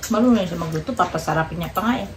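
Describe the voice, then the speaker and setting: A woman's voice: on the low side, very fast, roomy sound. A woman chatting casually at a family meal and talking while chewing, praising the cook's food. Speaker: family member at a mukbang meal. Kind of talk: casual mealtime chat. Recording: distant mic with clear background noise.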